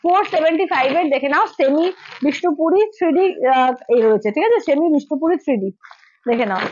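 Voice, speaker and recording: A hoarse woman with a cold, selling sarees on a live stream in a brisk, repetitive sales pitch. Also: expressive, a little mellow, muffled recording, a little hiss or hum. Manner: brisk, repeats prices, keeps asking "okay?".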